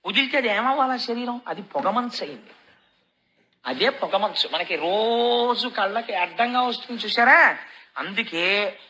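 A woman giving a devotional discourse on scripture. She tells the story in an animated way and keeps asking and answering her own questions. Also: mid-range voice, a little slow, poor audio.

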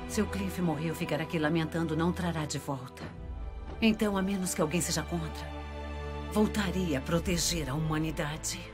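A tough female robot warrior acted by a woman with a lowish voice. She is brusque and hardened. Loud music plays behind this cartoon fighter. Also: normal speed, close to an everyday voice. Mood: bitter resolve. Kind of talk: animated series dub acting.

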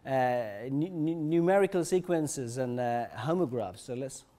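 A man giving a technical conference talk, halting, with many fillers and restarts. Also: mid-range voice, expressive, warm tone. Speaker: conference presenter. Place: conference session room.

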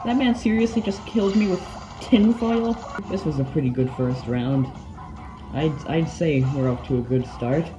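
A woman giving casual, playful, self-mocking commentary on her own gameplay, with bursts of excited yelps. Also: low voice, moderate pace, music in the background, rough recording.

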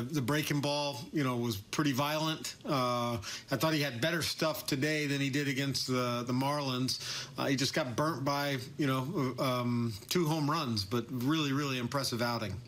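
Halting middle-aged manager on a video call. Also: male voice, mid-range voice, fairly even intonation, a bit bright. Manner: halting, repeats words, measured. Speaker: baseball manager. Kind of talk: postgame video press conference.

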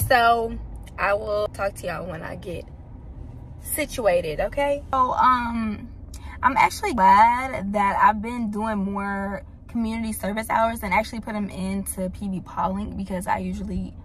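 Young woman vlogging, bit raspy from the early morning, chatty and laughy, faint background hum. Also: mid-range voice. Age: young adult. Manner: chatty, laughs often, talks straight to viewers. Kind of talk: casual vlog chat.

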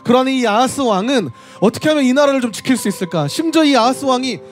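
High-voiced male street preacher. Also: expressive, fast talker, faint music behind. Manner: storytelling, reading scripture aloud and addressing the audience directly. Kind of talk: sermon at a street worship service. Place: outdoor street worship service.

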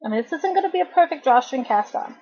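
A woman's voice: high voice, lively intonation, quick pace, a little mellow, highs cut off. A woman hosting a casual craft tutorial, chatting informally and correcting herself as she works with her hands while a cough drop sits in her mouth.

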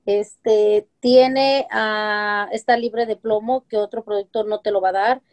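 A woman in her forties speaks slowly in a mid-range, somewhat dark voice with a steady tone. Appearing from home on a webcam video call, surrounded by shelves of colorful containers, this home-business seller chats through a casual interview, offering many examples and frequent fillers like "este" and "eh."

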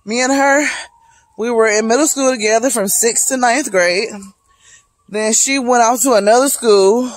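In a dry recording made on a phone held at arm's length, a woman in her late thirties from Charlotte, North Carolina vlogs from a wooded hiking trail. Her slightly high voice moves at normal speed as she talks to "y'all" in a chatty, reflective, motivational way.

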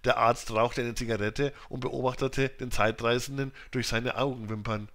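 A man reading a classic novel as an audiobook narrator, with steady, measured storytelling. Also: mid-range voice. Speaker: audiobook reader.

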